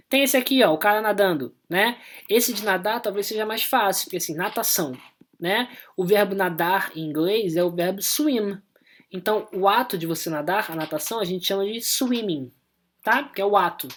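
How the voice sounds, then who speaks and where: A woman with a Brazilian Portuguese accent, explaining an online English lesson in a chatty way and tagging her sentences with quick checks to the class. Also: medium pitch. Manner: chatty, explanatory, constant "né?" and "tá?" tags. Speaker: English teacher.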